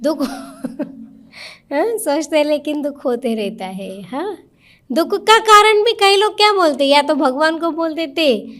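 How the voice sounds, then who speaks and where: A woman's voice: high-pitched, animated, takes it slowly, a bit bright. A woman giving an interactive spiritual talk to a live audience in a meditation centre hall, questioning people directly in a coaxing, conversational way.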